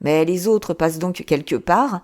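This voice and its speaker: A woman reading an audiobook, voicing a sharp, mocking male swordsman who fires off curt, commanding questions. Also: lowish voice, unhurried, natural voice.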